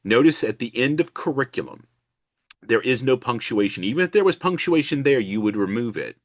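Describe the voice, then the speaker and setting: A man's voice: medium pitch, lively intonation, fairly quick, no echo, clean studio sound. A male instructor giving an explanatory walkthrough lesson, restating and stressing key points. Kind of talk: instructional screen walkthrough lecture.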